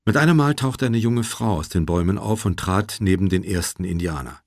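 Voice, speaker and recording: Male narrator, audiobook, measured, low voice, dry studio sound. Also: lively intonation, darkish tone, no echo. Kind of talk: scripted narration.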